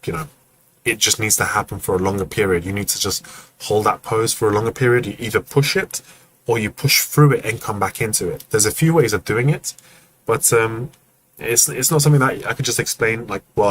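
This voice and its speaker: A man's voice: on the low side, normal speed, a bit bright, slight background noise, low-quality recording. A man hosting a live stream, giving casual, friendly feedback on animation and acting out the movements as he explains. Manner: friendly, joking asides to chat.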